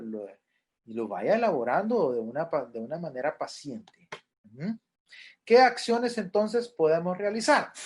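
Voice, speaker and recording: A man's voice: fairly high pitch, husky. A middle-aged man, a pastoral counselor, lecturing a class on grief in an earnest way, repeating key points and acting out what people say.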